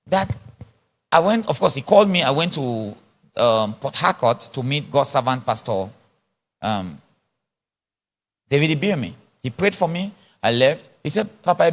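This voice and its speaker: A man preaching at a conference, answering questions and telling stories in an animated way. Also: a little high. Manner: animated, storytelling, laughs often. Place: church conference hall. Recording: large echoey hall.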